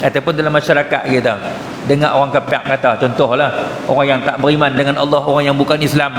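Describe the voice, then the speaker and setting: A man with a northern Malay Kedah accent gives a colloquial, explanatory lecture as an Islamic teacher in a mosque hall, often checking in with short questions. His voice is medium-pitched, flat in delivery and quick. The hall is echoey and reverberant, with noticeable background noise.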